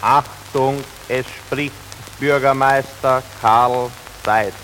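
A man announcing a speaker in a slow, formal way, heard through a loudspeaker outdoors. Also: mid-range voice, steady tone. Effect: played through a loudspeaker outdoors. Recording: old archive recording, long reverb, rain noise. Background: rain.

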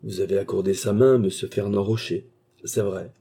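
A man's voice: fairly low pitch, steady tone, brisk, warm tone, husky. A man voicing a cold, scheming male baronet who dominates the man he is speaking to, in an audiobook reading. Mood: cold, commanding.

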